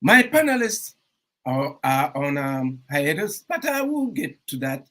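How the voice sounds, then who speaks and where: A man hosting a radio talk show in a casual, animated way, with frequent fillers. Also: fairly high pitch, unhurried. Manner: animated, warm welcomes, frequent um fillers and laughs. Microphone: streamed studio mic.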